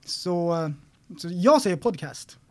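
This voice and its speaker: Man, poddvärd, livlig och skrattig, stor tonvariation. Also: sits high. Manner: animated, laughing, exclaiming. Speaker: podcast co-host. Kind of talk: casual chat.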